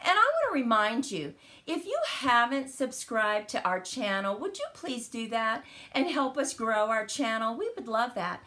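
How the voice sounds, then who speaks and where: Friendly and chatty, a woman leads a live card-making stream with crafting demos. She speaks at a moderate pace with a fairly high pitch, large pitch swings and a sharp tone, her voice somewhat crackly following the flu.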